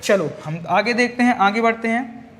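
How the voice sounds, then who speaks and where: A man's voice: very high-pitched, normal speed, a bit bright, a little hiss or hum. A male teacher giving a grammar lecture. He keeps asking the class questions and answering them himself, and he mixes English grammar terms into his explanation. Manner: repeats each point as a question and answers it himself.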